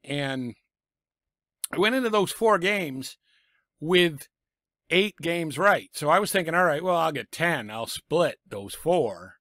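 A middle-aged sports picks vlogger, his voice raspy from a lingering cough, gives blunt, sarcastic football picks about teams and coaches into a desk microphone in a small home room full of sports memorabilia. His pitch is fairly high and his intonation lively, but he talks slowly, with a sharp tone. The sound is clean, studio-like, with no room sound.

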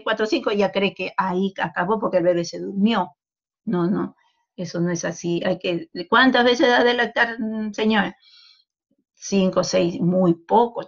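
A woman giving a university medical lecture, explaining calmly and tagging her sentences with a questioning "no". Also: medium pitch, highs cut off. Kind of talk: university lecture over a call.

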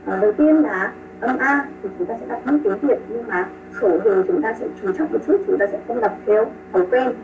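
A woman teaching pronunciation online over a video call. She models sounds slowly, repeats them and praises her students. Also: on the high side, recorded from a distance, background noise. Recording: tinny call audio with music behind.

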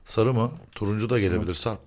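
A young man hosting a game stream, joking, laughing and shouting excitedly at the action. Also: fairly low pitch, fast. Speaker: host. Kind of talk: excited gaming commentary.

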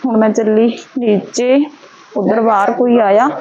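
A woman's voice: fairly high pitch, fairly even intonation, measured pace, crowd noise. A woman chatting casually to vlog viewers, exclaiming and repeating phrases for emphasis. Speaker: home vlogger. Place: at home, kitchen and outdoor upper level. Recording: dull lo-fi sound with faint noise.

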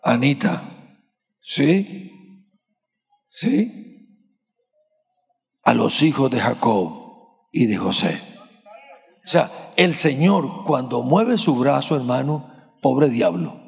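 A man preaching a sermon as pastor, questioning the congregation and rising to shouts at the peaks. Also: mid-range voice, big pitch swings, drawn-out words, gravelly, pauses often. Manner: rises to shouting at climaxes. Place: large church sanctuary. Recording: long hall reverb from a church.

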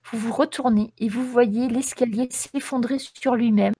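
A woman's voice: on the high side, steady tone, unhurried, mellow, husky. A woman game master narrating a tabletop role-playing game in a descriptive storytelling manner.

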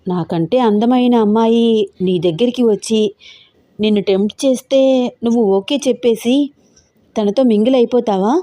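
A shy young woman who pouts and hesitates before she speaks, voiced by a woman narrator. Her voice is warm and mellow, pitched a little high. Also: moderate pace, long pauses, natural voice. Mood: hesitant. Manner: hesitant, pouting. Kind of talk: audio story character voicing.

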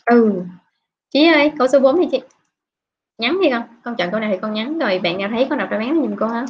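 A woman's voice: fairly high pitch, lively intonation, a little hiss or hum. A woman English teacher from Vietnam, patiently questioning students in an online class over a video call. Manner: patient, questioning, drawn-out prompts. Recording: dull lo-fi online class audio.

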